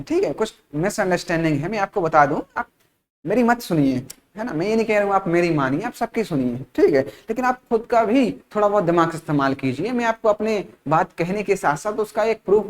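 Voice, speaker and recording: A high-voiced Indian man teaches a spoken-English class, drilling each word slowly and repeating it. He asks questions and answers them himself, and frequently uses short check-in tag phrases to keep his students with him.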